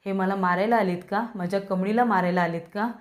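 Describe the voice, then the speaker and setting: A woman's voice: mid-range voice, fairly even intonation, fairly quick, close to an everyday voice. A woman reading the lines of a confused, frightened woman who asks anxious, suspicious questions. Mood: fearful. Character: confused, frightened woman fearing she is hunted.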